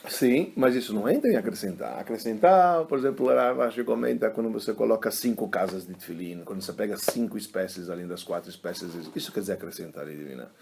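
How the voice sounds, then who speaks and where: Fast gravelly rabbi teaching. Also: male voice, lowish voice, a little hiss or hum. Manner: animated, colloquial storyteller, acting out quotes. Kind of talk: casual religious lesson with storytelling.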